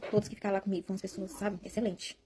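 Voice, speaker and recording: Fast-talking young Brazilian woman, dark voice. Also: mid-range voice, level tone, a little hiss or hum. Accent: Brazilian Portuguese. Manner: rambling, repeats words, addresses viewers as "gente". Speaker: vlogger sharing a personal testimony. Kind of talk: emotional casual testimony to viewers.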